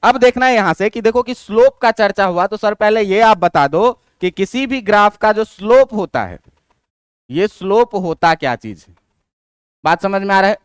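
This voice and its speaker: A man's voice: sits high, lively intonation, normal speed, clear, resonant tone, no room sound, clean studio sound. A man teaching physics in a classroom lecture. He asks his students questions, answers them himself and keeps checking that they follow.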